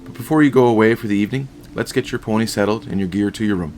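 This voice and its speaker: A man's voice: fairly low pitch, very fast, a little mellow, soft background music, close to an everyday voice. A man voicing a chatty hobbit innkeeper. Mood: welcoming. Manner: folksy, rustic talk.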